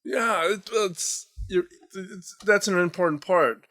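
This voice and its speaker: Male host, somewhat high-pitched, lively conversational interviewer with frequent restarts. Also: slow pace. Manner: animated, repeats words when starting sentences. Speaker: podcast host. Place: trade show floor.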